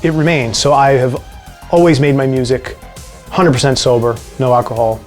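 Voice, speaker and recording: A man's voice: medium pitch, moderate pace, soft background music. Wry man with a New York accent. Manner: relaxed, wry and joking. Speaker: musician answering viewer questions. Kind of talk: casual vlog Q&A.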